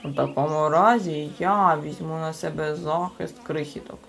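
A woman voicing a clever, haughty male storybook creature who speaks smugly and argues his case, lower than her narration. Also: normal speed, creaky, slight background noise.

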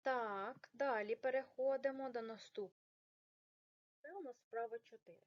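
A woman teaching a recorded primary school lesson for children, slowing down to stress each word carefully. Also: on the high side, dull audio. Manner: slow, exaggerated stress on words.

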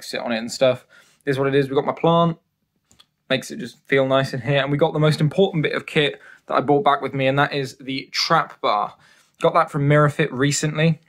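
A man's voice: medium pitch, fairly bright tone. Chatty young man touring a bedroom gym. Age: 20s. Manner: chatty and self-deprecating, rambling asides. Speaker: strongman vlogger. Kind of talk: casual home gym tour. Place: small university bedroom, indoors. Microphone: handheld camera, phone at arm's length.

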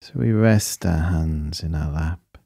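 A man leading a guided breathing meditation in a calm, soothing, unhurried way, with short phrases and long pauses. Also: extremely low pitch, creaky, no room sound, clean studio sound.

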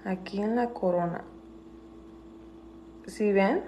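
A woman's voice: medium pitch, slow pace, warm tone, dull audio, a little hiss or hum. A woman, chatting casually on a livestream. She mixes with English, swears freely and sounds indignant. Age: adult with a school-age daughter. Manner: switches between Spanish and English, swears, indignant.

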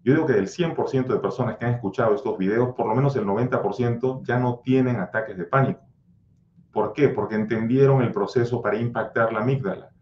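A man's voice: mid-range voice, fast, a little hiss or hum. Blunt, insistent man in a roomy room. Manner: repeats mantras in a drilling rhythm. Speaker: anxiety coach and channel host. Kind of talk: livestream answering viewer comments. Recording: roomy, slightly dull sound.

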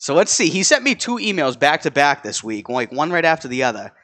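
A man's voice: fairly high pitch, big pitch swings, a bit bright. Chatty man hosting a podcast. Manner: laughs often, reads listener emails aloud with a slow drawl. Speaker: podcast host. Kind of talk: casual chat.

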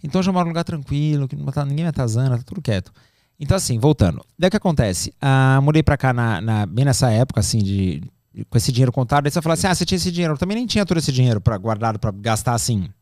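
A middle-aged Brazilian man telling stories in a casual podcast chat, animated and acting out quoted dialogue. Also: medium pitch, very fast, no room sound, clean studio sound. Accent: Brazilian Portuguese. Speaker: podcast guest. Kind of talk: casual storytelling.

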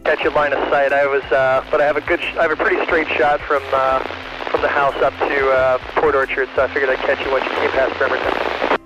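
A man's voice: mid-range voice, flat delivery, brisk, loud music behind the voice. A man's radio voice breaking up. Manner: brief, matter-of-fact radio operating talk. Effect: radio signal breaking up and dropping out. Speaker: ham radio operator. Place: at home. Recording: muffled lo-fi radio transmission.

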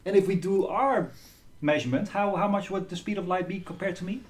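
A middle-aged university lecturer giving a live physics lecture in a hall, lively and often checking in with the class. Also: male voice, sits high, fairly quick. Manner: lively, asks the class questions.

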